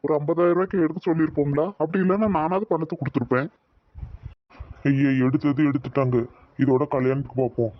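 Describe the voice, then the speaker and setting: A man playing a calm, placating family father. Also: on the high side, quick pace, no room sound, muffled recording, natural voice. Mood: puzzled. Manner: calm, placating, soothing others. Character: patient middle-aged father and son.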